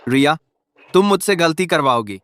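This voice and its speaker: A man's voice: a little high, animated, normal speed, fairly bright tone, smooth. A man voicing a confident young male company chairman who teases his rival in a dubbed drama. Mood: calm teasing.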